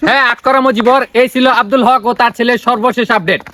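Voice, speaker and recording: A man plays an earnest parody news reporter with a very high voice, rattling along at extreme speed. The report is formal and questioning, over faint noise and clicks. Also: steady tone, quick pace, pushed and bright. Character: earnest parody TV field reporter on a live link.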